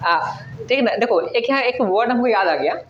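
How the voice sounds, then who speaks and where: A woman teacher lecturing in a bare, echoing room, caught on a dull, lo-fi recording with a faint hiss behind her. She explains step by step and keeps asking the class whether they follow before answering her own questions. Her pitch sits in an ordinary middle range. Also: animated, normal speed.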